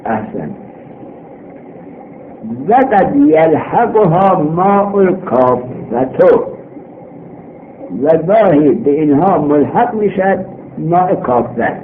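A man's voice: fairly high pitch, very animated, long pauses. A male teacher giving a classroom grammar lesson, explaining step by step and quizzing his students, heard on an old worn tape recording. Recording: tinny old tape with hiss.

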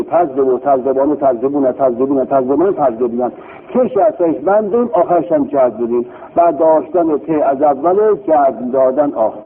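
A man with a gravelly, fairly high voice teaches a grammar class, running through verb forms and putting questions he answers himself. His pitch swings widely as he stresses each form. The sound is thin and phone-like, with a faint hiss. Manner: drills conjugations, asking and answering himself. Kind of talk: recorded classroom lesson. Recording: tinny phone-like line with faint noise.

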